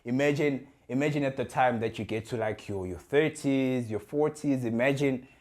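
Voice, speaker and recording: A young South African man co-hosts a youth podcast, chatting casually, repeating words, and mixing English with Zulu. His voice is medium-pitched and a little mellow, at a moderate pace.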